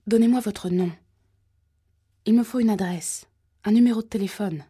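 A woman's voice: mid-range voice, moderate pace, warm tone, husky, voice pushed up, close to an everyday voice. A woman voicing a tense female investigator who speaks steadily and insistently on the phone in an audiobook. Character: tense female investigator, calm but pressing.

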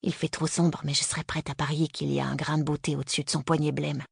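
A woman narrating a novel in the first person, tense and hushed in narration and livelier in dialogue. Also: deep voice, level tone, quick pace, vocal fry, slightly rough, no echo, studio quality. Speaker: audiobook narrator.

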